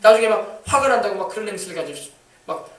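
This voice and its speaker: A man preaching from the pulpit in a high, rapid voice, stressing words and shouting hallelujah between points. The sound comes from a distance in an echoey church hall. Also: animated. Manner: emphatic, repetitive, calls out hallelujah. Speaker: pastor. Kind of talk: sermon. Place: church sanctuary.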